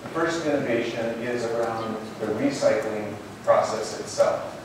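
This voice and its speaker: A man's voice: mid-range voice, a little slow. A man on stage giving a conference keynote in a hotel ballroom, friendly and loose with frequent fillers. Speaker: program manager giving a keynote. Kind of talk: conference presentation. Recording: echoey ballroom from far off with hiss.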